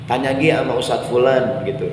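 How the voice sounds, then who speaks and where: A man's voice: mid-range voice, brisk. A man preaching a casual evening sermon in a mosque, speaking conversationally and often turning to the congregation to ask whether they agree. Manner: conversational, often addresses the congregation and asks "right or not?". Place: mosque hall. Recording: very echoey mosque hall with long reverb and faint noise.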